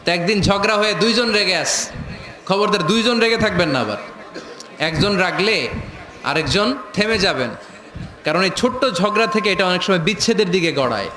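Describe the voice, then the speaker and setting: A man preaching a sermon to a live gathering, animated, shouting at times and joking with the crowd. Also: high-pitched, normal speed. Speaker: Islamic preacher. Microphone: handheld or stand mic over a PA. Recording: echoey PA sound with crowd.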